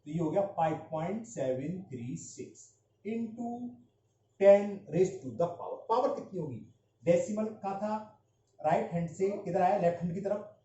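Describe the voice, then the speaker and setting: A man teaching a maths lesson. He explains step by step and mixes Hindi with English terms, stretching out key words slowly. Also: high-pitched, dark tone. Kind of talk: classroom-style math lesson. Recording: dull echoey room recording with faint background noise.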